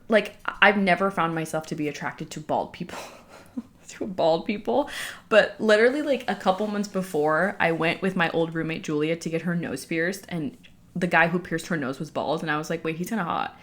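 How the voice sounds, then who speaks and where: Her pitch is fairly low and her tone a bit bright as this young woman, speaking at a moderate pace, candidly shares a personal story with her followers. Breathing heavily, she sounds winded, and her chatty talk is packed with "like."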